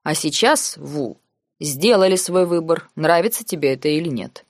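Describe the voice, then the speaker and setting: A woman reading the lines of a cold, calculating noble uncle in an audiobook, measured and sarcastic. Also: low-pitched, lively intonation, no room sound, studio quality. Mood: cold, lecturing. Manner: measured, lazy, coldly sarcastic.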